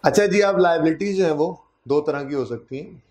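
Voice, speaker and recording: A man's voice: on the high side, a little fast, a little mellow. A man giving a classroom lecture on accounting, explaining step by step and checking in often with his students. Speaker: accounting teacher. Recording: echoey classroom.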